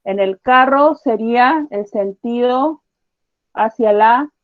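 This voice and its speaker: A woman teacher giving a science lesson to children, patiently repeating her questions and slowly spelling out each point. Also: on the high side, phone-quality sound. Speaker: primary school teacher.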